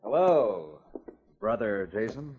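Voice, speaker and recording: An actor playing a cool, scheming outlaw with tough, slangy talk in an old-time radio drama. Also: male voice, lowish voice, big pitch swings, slow, darkish tone, slightly rough, exaggerated voice. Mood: menacing. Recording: dull, hissy, clicking old radio recording.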